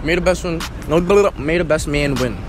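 A man's voice: a little high, fast talker, a crowd in the background. Man, street interviewer, brash, trash-talking, slangy, outdoors, music playing. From Brooklyn, New York. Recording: loud background music. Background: hip hop music.

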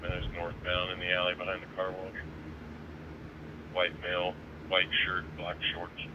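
A man, a police officer, giving flat, matter-of-fact location and suspect updates over a police radio. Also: sits low, normal speed. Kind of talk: terse police radio calls. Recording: muffled police radio with hiss.

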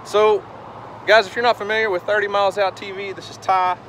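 A man's voice: high-pitched, flat delivery, a little fast, a bit bright, slight background noise. Upbeat man vlogging from a beach. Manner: upbeat, chatty, talks to camera. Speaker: fishing vlogger. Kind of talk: casual outdoor vlog. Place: windy beach outdoors. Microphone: handheld camera at arm's length.

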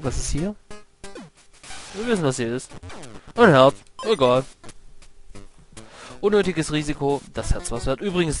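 An excitable young man narrates his gameplay in a casual, chatty way, swearing when things go wrong and explaining tricks to his viewers. His voice sits a little high. Game music plays clearly behind him. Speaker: let's play commentator. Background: video game music.

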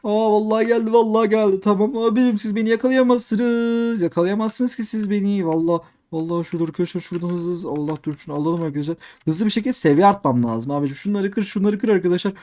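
A young man doing excitable game commentary, repeating himself and talking straight to his viewers. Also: high voice, fast talker, hardly any pauses. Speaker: gaming youtuber. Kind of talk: let's play commentary.

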